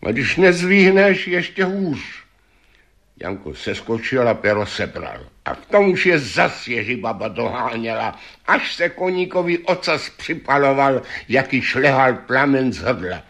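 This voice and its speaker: A man reading a fairy tale aloud as storyteller, with lively, shifting delivery. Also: medium pitch.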